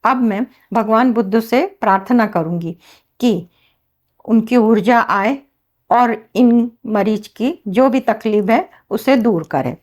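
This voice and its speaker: A woman walks through a healing ritual one step at a time, like a teacher giving a demonstration. Her voice sits fairly high, and she speaks in an unhurried, deliberate way. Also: a little mellow. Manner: slow, instructive, step-by-step explaining.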